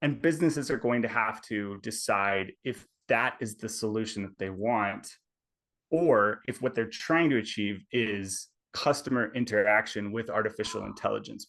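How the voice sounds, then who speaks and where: Interviewed over a video call, a tech company executive with a lowish, gravelly and fairly bright voice explains things at length in a conversational way. He frequently checks in with "right?".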